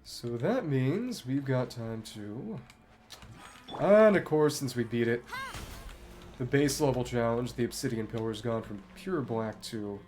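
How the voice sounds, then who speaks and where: A male streamer thinks aloud over game music during live gameplay, his commentary low-key, wry, and reflective. He speaks in a mid-range voice with a darkish tone.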